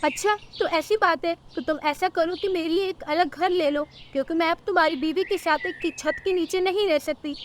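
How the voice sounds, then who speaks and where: A woman's voice: very high voice, fairly quick, few pauses, slight background noise, voice pushed up. A woman voicing a grumpy old female bird, a nagging mother-in-law who scolds and complains, in a cartoon story. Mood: scolding. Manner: scolding, complaining, sharp-tongued.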